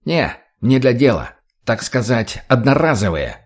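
A man's voice: mid-range voice, big pitch swings, measured pace. A man voicing a crude, short-tempered drug addict thug who barks profanity bluntly. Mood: aggressive.

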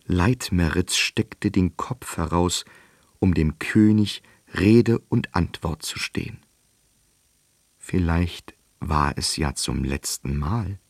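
A man's voice: deep voice, gravelly, no echo, clean studio sound. A man narrating a fairy tale for a radio story. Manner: slow, expressive storytelling.

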